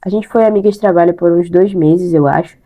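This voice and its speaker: A young woman with a Brazilian accent talks casually to her viewers, as in a personal vlog. Her voice is mellow and relaxed, thickened by a blocked nose and a sick throat. She leans on repeated words to stress her points in a conversational way. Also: lowish voice, fairly quick. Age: young adult. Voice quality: congested, stuffy nose. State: congested with sinusitis and a bad throat. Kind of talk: casual chat to camera.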